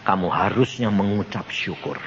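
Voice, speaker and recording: A calm, gentle divine voice speaks slowly and softly, far lower than the speaker's own, as an old preacher puts it on. The recording is dull and lo-fi with a faint hiss behind. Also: male voice. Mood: gentle, patient. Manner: slow, soft and low. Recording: dull lo-fi with faint background noise.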